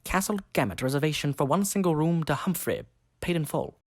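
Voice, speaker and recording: A woman's voice: low voice, expressive, fairly quick, a little mellow, slight background noise. A woman playing a pompous, blustering male castle guard in a comedy film, with indignant, mock-formal proclamations. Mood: officious. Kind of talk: comedic film character acting.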